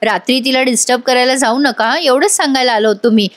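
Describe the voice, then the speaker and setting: A gentle worried father, voiced by a woman. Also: high voice, fast talker, natural voice. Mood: caring.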